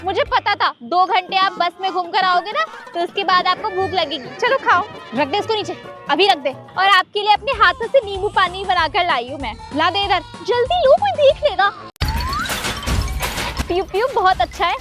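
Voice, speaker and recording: A woman's voice: very high-pitched, lively intonation, normal speed, music in the background. A woman voicing a sweet, clingy young girlfriend who talks in a doting, sugary way in a comedy sketch.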